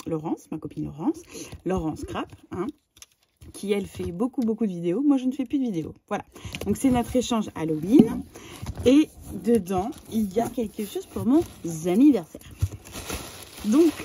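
A middle-aged French woman with a French accent chatting casually while unboxing a parcel, excitable and full of fillers and repeated words. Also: mid-range voice, moderate pace. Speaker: vlogger. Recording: faint background noise.

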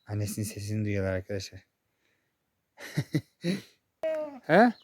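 A young man vlogging outdoors in a village pasture, chatting to viewers and calling out loudly to his animals. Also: mid-range voice, normal speed, no room sound. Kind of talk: casual chat to camera.

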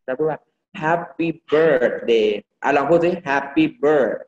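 A male English teacher from Thailand giving a classroom pronunciation lesson, drilling words slowly and repeating each one for the class. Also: a little high, darkish tone. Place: classroom with students. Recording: dull lo-fi classroom recording.

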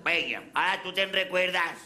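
A man's voice: high voice, moderate pace, bright, forceful tone. A man with a Mallorcan accent performing a crude, rambling comic monologue in character on a café stage. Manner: brash, crude, rambling storyteller. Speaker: comedian in character. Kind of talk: live stand-up character monologue. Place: café stage before a live audience. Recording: live audience laughter throughout.

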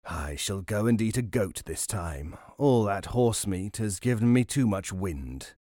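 A man doing a slow, deep, greedy wolf. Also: lively intonation, warm tone, no echo, clean studio sound.

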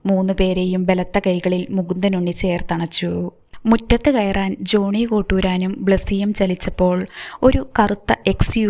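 Audiobook narrator: a woman, middle pitch, measured and expressive delivery. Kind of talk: scripted story narration.

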